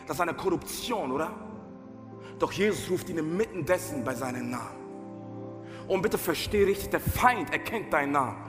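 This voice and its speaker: Passionate man preaching in a reverberant hall. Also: fairly high pitch. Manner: passionate, addresses listeners directly with rhetorical questions; mixes English phrases into German. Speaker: pastor. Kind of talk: sermon. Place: church hall. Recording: roomy hall reverb with faint music.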